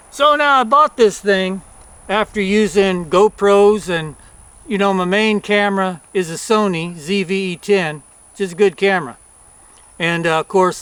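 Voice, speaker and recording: A man's voice: sits high, a bit bright. A man giving a casual, plain-spoken video review as a rancher, recorded outdoors.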